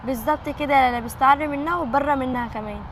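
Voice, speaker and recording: A woman with an Egyptian Arabic accent playing a gentle neighbor girl who confides hesitantly. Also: sits high, rapid-fire, a little hiss or hum, close to an everyday voice. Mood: confiding. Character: gentle, soft-hearted young neighbor girl.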